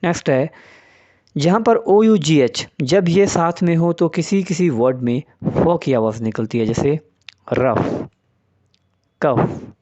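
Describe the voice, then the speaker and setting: A man's voice: fairly high pitch, lively intonation, takes it slowly, dark tone, dull audio. A man teaching English pronunciation in Hindi, patiently spelling out letters and saying example words one by one. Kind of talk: spoken English lesson in Hindi.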